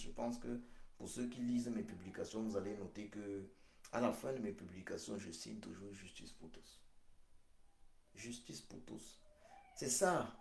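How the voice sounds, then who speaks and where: Speaking slowly to a crowd of supporters, this Cameroonian activist leader, a native Ghomala' (Baham) speaker, sounds fairly low and creaky. He is emphatic and deliberate, repeats himself, and hesitates frequently, all within a roomy echo.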